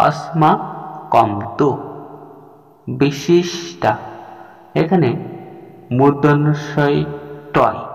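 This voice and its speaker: Slow, echoey Bengali-accented man teaching. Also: mid-range voice. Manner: slow, syllable-by-syllable spelling out of words. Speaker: Sanskrit pronunciation teacher. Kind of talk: spoken lesson on recitation. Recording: echoey, dull room recording with soft music.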